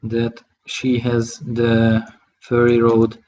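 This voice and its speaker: A Hungarian digital artist streams a live drawing tutorial, speaking English with a Hungarian accent and thinking aloud haltingly as he works. His mid-range voice is monotone and darkish, and the sound is lo-fi.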